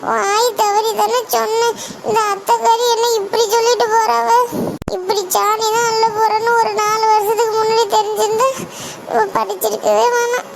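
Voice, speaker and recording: A woman's voice: very high-pitched, fairly even intonation, fast. A woman voicing a meek young wife, pleading. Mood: tearful. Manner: pleading, apologetic. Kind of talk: cartoon voice acting. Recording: audible background noise.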